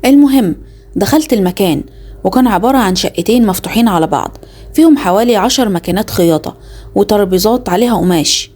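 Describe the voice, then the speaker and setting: A young woman with an Egyptian accent tells a first-person story at a very rapid pace. Her voice is dark and mellow, and her delivery is confiding and dramatic, like an inner monologue. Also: medium pitch, lively intonation. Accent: Egyptian Arabic.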